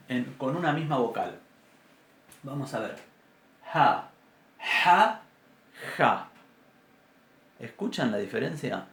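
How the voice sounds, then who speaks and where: A man teaching a Biblical Hebrew class with an Argentine Spanish accent, explaining patiently and sounding out letters aloud, often clearing his throat. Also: medium pitch, roomy sound. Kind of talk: university class lecture. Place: classroom with a blackboard.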